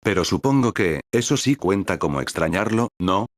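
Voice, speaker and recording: A man's voice: sits low, animated, normal speed, no echo, clean studio sound. Mira, stubborn young barmaid, read by a man. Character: teasing young woman guild barmaid, stubborn.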